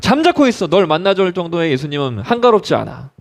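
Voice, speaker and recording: A pastor voicing a contemptuous crowd that shouts down a beggar with scornful orders to be quiet. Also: male voice, sits high, lively intonation, very fast. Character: harsh scolding crowd of men, contemptuous.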